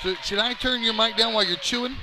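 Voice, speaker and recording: Play-by-play man, high voice, noisy gym, excited calls on big plays. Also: crowd noise. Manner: rapid excited calls that rise on big plays, joking banter in lulls. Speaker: play-by-play announcer. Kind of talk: live basketball commentary.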